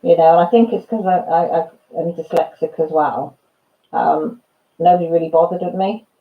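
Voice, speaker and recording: A Welsh woman in her fifties hosts a laid-back live chat, telling stories with laughter and naming her viewers as she talks. Her voice sits low at a moderate pace, and the audio is narrow and tinny.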